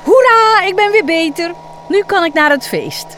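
Storybook boy clown, whiny and loud, read by a woman, high wailing cries, lively swings. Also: slow, slight background noise. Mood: cheerful.

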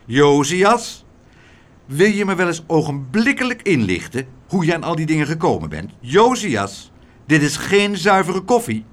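A man voicing a prim, indignant older spinster with a shrill, scolding manner. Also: wildly swooping pitch, moderate pace.

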